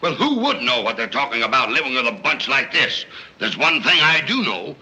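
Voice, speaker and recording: Exasperated, forceful screwball comedy father. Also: medium pitch, sing-song, moderate pace, poor audio. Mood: blustering. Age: middle-aged. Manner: blustering, sardonic. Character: exasperated, blustering wealthy family father. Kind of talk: 1930s screwball comedy film banter.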